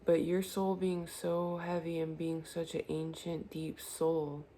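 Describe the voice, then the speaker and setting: Tarot reader, woman, mellow dark tone, earnest and reassuring, faint noise behind. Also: low-pitched, monotone, takes it slowly. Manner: earnest, reassuring, addresses viewer directly. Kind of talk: spiritual tarot reading.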